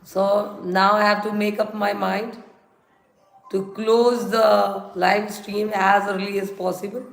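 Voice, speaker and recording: A woman's voice: medium pitch, little pitch movement, takes it slowly, creaky. A woman with an Indian accent teaching English grammar on a live stream, instructive and repeating examples and rules for her students. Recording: roomy echo, faint noise and clicks.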